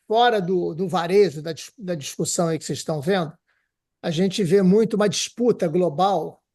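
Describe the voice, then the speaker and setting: A man's voice: sits high, darkish tone. A Brazilian man joining a group call, friendly, complimenting others and asking questions. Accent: Brazilian Portuguese. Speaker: participant on the call. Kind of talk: casual chat on a group call.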